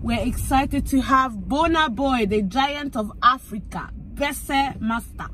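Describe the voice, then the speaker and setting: A woman's voice: high voice, slow, a bit bright, a little hiss or hum, rough recording. Chatty young woman vlogging from her car. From Italy. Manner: chatty, upbeat, many fillers. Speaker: physician associate student vlogger. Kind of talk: casual vlog chat. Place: inside a parked car. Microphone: phone camera at arm's length.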